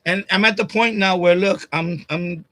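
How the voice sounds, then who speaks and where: Speaking at a normal pace, a man in his late fifties hosts a livestream from home and vents emotionally to his viewers. His high, bright voice rises when he's upset, and he rambles profanely, looping back to the same lines. Close-miked on a desk USB condenser microphone, the audio is dry, with hardly any room echo.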